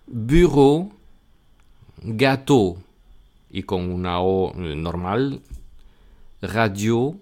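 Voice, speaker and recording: A man teaching French pronunciation in Spanish, explaining step by step and reading example words aloud with emphasis. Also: on the low side. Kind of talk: spoken pronunciation lesson.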